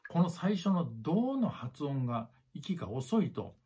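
Husky-voiced male clarinet teacher. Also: on the high side, very animated, a little slow, dark tone, soft background music. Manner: sings rhythms aloud to demonstrate; repeats points, addresses listeners directly. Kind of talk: spoken music lesson. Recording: dull lo-fi recording.

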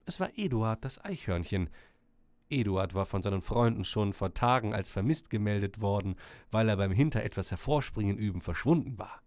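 A man narrating a storybook with gentle, expressive storytelling. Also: fairly low pitch, moderate pace, dry recording.

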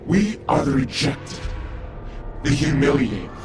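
음성 변조기로 목소리를 숨긴 가면 쓴 복수자를 연기하는 남자, 느리고 연극적으로 위협한다. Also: male voice, on the high side, very animated, loud music behind the voice, full character voice. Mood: menacing. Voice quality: gravelly, distorted. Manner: slow, theatrical menace. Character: masked male avenger with gun, cold and menacing. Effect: voice changer disguise.

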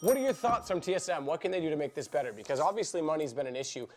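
Higher-pitched esports caster, man. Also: animated, rapid-fire. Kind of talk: live esports commentary with casual banter. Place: broadcast studio desk.

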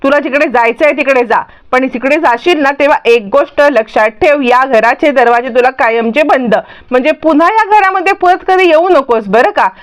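A woman's voice: high voice, moderate pace, few pauses, natural voice. A woman voicing an angry, protective middle-aged mother who scolds her daughter. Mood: scolding. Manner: scolding, indignant.

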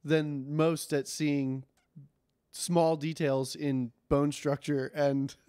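Young male co-host, slightly high voice, laughs through casual stories. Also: very slow, clear, resonant tone. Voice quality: laughing, animated storytelling. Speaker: podcast co-host. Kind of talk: casual chat.

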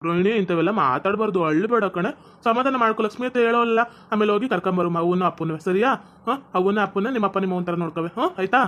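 A woman's voice: medium pitch, fast, a bit bright, close to an everyday voice. Woman playing a meek young village nephew. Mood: soothing. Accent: North Karnataka Kannada. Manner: pleading, apologetic.

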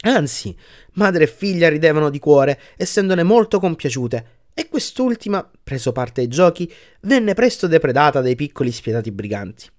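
A man reading an audiobook aloud, narrating in a measured, soft-spoken storytelling manner. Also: fairly high pitch, sing-song.

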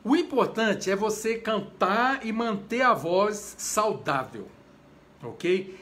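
A Brazilian conductor with a Brazilian Portuguese accent, giving a chatty, informal lecture on voice types. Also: male voice, high voice, takes it slowly. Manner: animated, chatty, breaks into short sung examples. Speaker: conductor and voice teacher. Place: home during quarantine.

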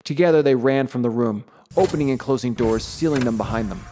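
A man giving scripted audiobook narration with a steady storytelling delivery. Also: medium pitch, brisk, soft background music.

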